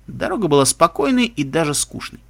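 Male audiobook narrator, slightly high voice, steady and measured pacing. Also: vocal fry. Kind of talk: audiobook reading.

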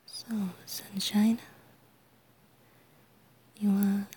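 Slow whispering woman, soft and giggly. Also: mid-range voice, level tone, slightly rough. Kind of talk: ASMR roleplay, whispered comfort.

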